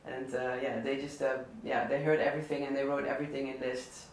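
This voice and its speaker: At an indoor listening session, a DJ with a Dutch accent from southern Brabant talks about his favourite records, stumbling often with fillers and restarts. His mid-range voice stays level, picked up from a distant mic in an echoey room with a little hiss or hum.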